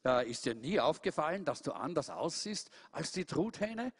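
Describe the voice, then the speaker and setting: A man voicing an old, wise owl who speaks gently and coaxingly. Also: on the high side, big pitch swings, normal speed, husky, exaggerated voice.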